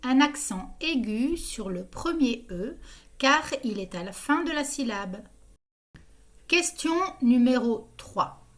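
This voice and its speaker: A woman hosts a grammar quiz in a scripted narration voice. Her voice sits a little high, and she reads every question and answer option slowly and evenly. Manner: slow, even reading of questions and answer options. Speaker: quiz host.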